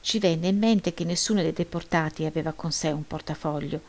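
A woman narrating first-person literary prose as an audiobook reader, with a measured, steady delivery. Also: low-pitched, gravelly.

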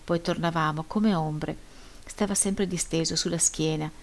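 Woman narrator, audiobook reading, lowish pitch, steady measured pace. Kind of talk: literary reading of first-person prose.

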